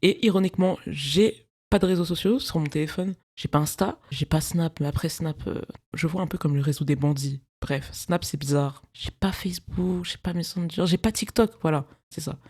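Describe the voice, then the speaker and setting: A woman's voice: deep voice, moderate pace, darkish tone, breathy edge. Chatty young woman hosting a podcast. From France, of Cameroonian parents. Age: 20s. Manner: chatty, digressive, laughs often, slangy. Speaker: podcast host. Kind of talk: casual solo podcast chat. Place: her bedroom.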